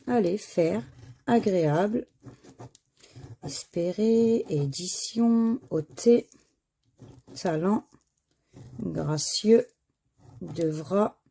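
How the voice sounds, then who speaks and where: Gravelly and mellow with a breathy edge, this medium-pitched woman's voice comes from a scratch card vlogger playing lottery crossword tickets. She comments casually, reads each word and letter out in turn, and sighs at the misses.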